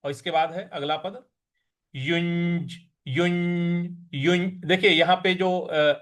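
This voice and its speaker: A man teaching Sanskrit verse recitation, chanting lines slowly and then explaining pronunciation quickly. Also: sits high, steady tone, fairly bright tone. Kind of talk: recitation lesson.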